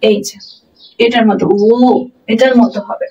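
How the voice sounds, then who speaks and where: A woman teaching English pronunciation in a lesson, repeating each example word slowly and deliberately. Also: fairly high pitch, fairly even intonation, warm tone, recorded from a distance, low-quality recording.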